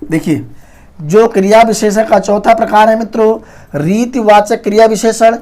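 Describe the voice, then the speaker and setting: A man teaching an online exam-prep Hindi lesson, talking very fast and loudly and often calling the viewers his friends. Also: high voice, steady tone. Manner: fast, rapid-fire delivery; loud, near-shouting teaching.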